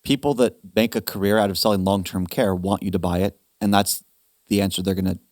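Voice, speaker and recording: A man hosting a retirement planning webinar, talking casually with animated asides and quick restarts. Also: sits low, dry recording, clean studio sound. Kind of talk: casual advice talk.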